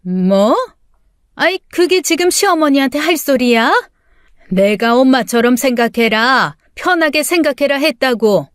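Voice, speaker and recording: A woman's voice: fairly high pitch, lively intonation, measured pace, no room sound, studio quality. A woman voicing a scheming, condescending older mother-in-law in an audiobook, coaxing and dismissive by turns. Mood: scolding. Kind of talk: audiobook character voice.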